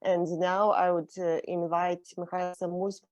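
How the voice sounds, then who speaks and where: A woman's voice: on the low side, level tone, a little slow. A woman hosting an online panel, brief and plain as she hands over to the next speaker over a video call. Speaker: event host.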